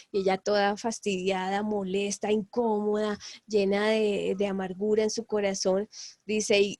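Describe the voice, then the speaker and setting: Woman, Bible class teacher, hesitant delivery full of fillers, gravelly voice, dry close sound. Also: mid-range voice, no echo. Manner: hesitant, many fillers and tag questions. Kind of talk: Bible lesson.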